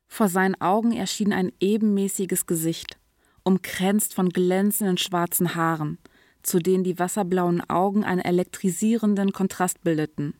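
A woman's voice: mid-range voice, a little mellow, no room sound. Woman reading a story, dry close mic. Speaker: narrator. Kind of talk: audiobook reading.

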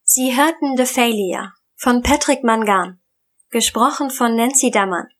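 A woman with a fairly high voice narrates a dark short story as an audiobook reader. Her reading is even and measured, scripted and deliberate.

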